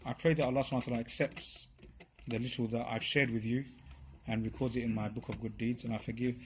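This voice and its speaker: A man's voice: medium pitch, flat delivery, fast talker. Man giving a chatty religious talk. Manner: conversational, checks in with "yeah?" and "right?". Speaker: speaker at a religious study circle. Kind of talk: informal religious talk to a group.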